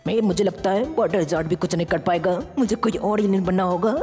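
A woman's voice: fairly low pitch, fast talker, a little mellow, natural voice. A woman voicing an earnest young male hero in a fan-made game story, talking to himself as he goes. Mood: determined. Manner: eager, earnest, talks to himself while acting. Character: brave young male hero who turns into aliens. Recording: reverberant with faint music.

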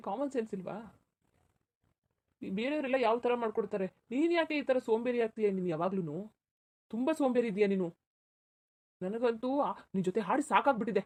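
A woman's voice: fairly high pitch, lively intonation, a little mellow, lightly acted. A woman voicing an exasperated office-going husband in a cartoon, scolding his wife. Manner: scolding, fast. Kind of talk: cartoon voice acting.

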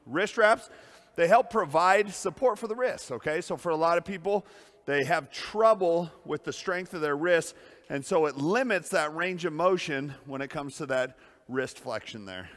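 A man's voice: on the high side, animated, moderate pace, a bit bright, big-room sound. Winded, pumped-up male fitness trainer. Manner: upbeat, pumped-up coaching with breathy exhales. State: out of breath. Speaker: personal trainer. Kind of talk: workout coaching while lifting. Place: gym.

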